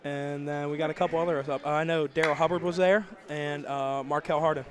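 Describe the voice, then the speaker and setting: Young athlete, flat laid-back answers. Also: male voice, a little high, a little fast, crowd noise. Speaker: senior high school basketball player. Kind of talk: post-game interview answers.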